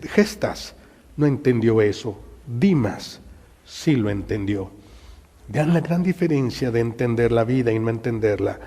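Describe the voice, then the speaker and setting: Mexican priest preaching in an echoing hall. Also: male voice, mid-range voice, animated, a little slow, warm tone. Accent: Mexican Spanish. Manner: dramatic storytelling preaching. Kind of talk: sermon. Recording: long hall reverb.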